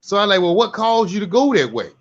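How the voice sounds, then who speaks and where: A man's voice: high-pitched, big pitch swings, quick pace. A man, co-hosting a podcast, telling a story and preaching a little. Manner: storytelling, preachy, keeps saying "you know what I'm saying". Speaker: podcast co-host. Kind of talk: casual opinion talk. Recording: dull lo-fi sound.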